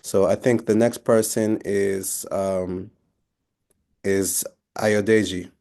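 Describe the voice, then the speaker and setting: Brief: low male host voice, relaxed, moderating introductions on a call. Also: takes it slowly, creaky. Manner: relaxed, thanks each guest and calls on the next. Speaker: host of the session. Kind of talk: hosting a video call, casual. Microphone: video call.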